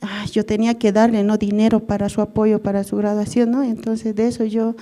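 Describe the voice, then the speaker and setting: Mellow-voiced woman giving testimony. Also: mid-range voice, little pitch movement, a little fast. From Bolivia. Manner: rambling, tags nearly every phrase with a questioning "no?". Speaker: church member giving testimony. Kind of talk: personal testimony at a prayer service.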